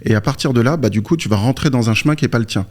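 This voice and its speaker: A man with a mid-pitched, darkish voice races through his words as a guest coach in an interview. He explains informally, often posing a question and answering it himself, telling his own story. He was born in Morocco and moved to France aged three or four.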